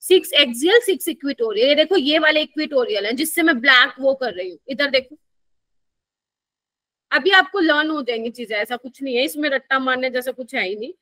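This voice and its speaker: A woman with a high voice teaches a live chemistry lesson, speaking Hindi mixed with English in an Indian accent. She talks slowly and patiently and keeps asking the class whether they follow. The sound is dry and close. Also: animated, pushed and bright, dry recording. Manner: patient, explains slowly and checks understanding.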